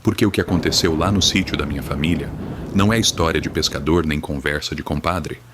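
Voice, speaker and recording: A man's voice: a bass voice, steady tone, a little fast, background noise. A Brazilian man reading a first-person horror story in a somber, dramatic, grave manner.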